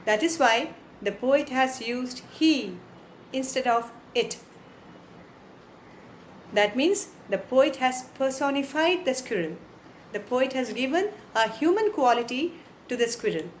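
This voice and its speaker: A woman's voice: sits high, expressive, unhurried, roomy sound, a little hiss or hum. A woman teacher with an Indian English accent, explaining a poem to her class, repeating lines and asking the children questions.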